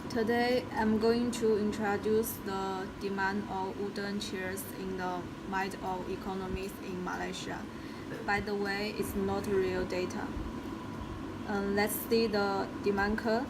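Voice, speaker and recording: A young woman, a university student, giving a class presentation in a plain, measured reading voice. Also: mid-range voice, level tone. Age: young adult. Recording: noisy phone recording with air conditioning hum.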